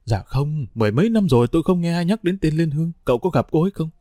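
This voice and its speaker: A man voicing a gentle elderly aunt. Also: a little high, lively intonation, fast, dry recording, voice pushed up, close to an everyday voice.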